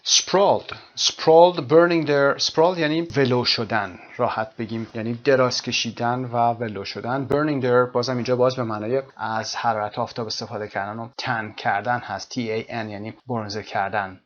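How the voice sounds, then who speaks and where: A man teaching an English lesson, repeating phrases slowly and then explaining them. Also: mid-range voice, fairly even intonation, fairly bright tone, dull audio. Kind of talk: language lesson explaining a text.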